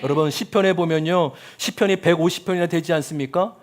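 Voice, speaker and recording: High-pitched guy preaching a sermon, asks the congregation stuff, gets loud then goes quiet. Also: fairly quick. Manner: swings from loud cries in quoted prayers to soft asides; talks straight to the congregation with questions and calls to say amen. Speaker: pastor.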